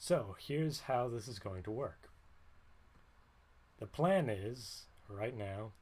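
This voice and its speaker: A man's voice: medium pitch, lively intonation, takes it slowly, darkish tone, breathy edge. A man streaming, talking in a rambling, wry way and often stopping to correct himself mid-sentence. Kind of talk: casual livestream monologue.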